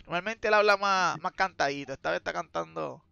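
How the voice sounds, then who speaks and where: Man, game tournament commentator, high-pitched, bright tone, excitable play-by-play. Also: brisk, gravelly, clear, resonant tone, no room sound, highs cut off. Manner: shouts and exclaims at big plays, joking.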